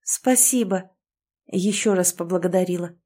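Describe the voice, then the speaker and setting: A woman reading a story aloud as narrator, in an even, measured storytelling voice. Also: medium pitch. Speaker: audiobook reader. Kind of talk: scripted narration.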